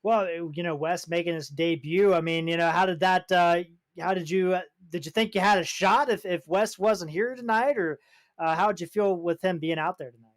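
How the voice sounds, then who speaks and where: A man's voice: sits high, normal speed, no room sound. A man interviewing a driver as pit reporter, rambling and correcting himself mid-question. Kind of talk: post-race interview.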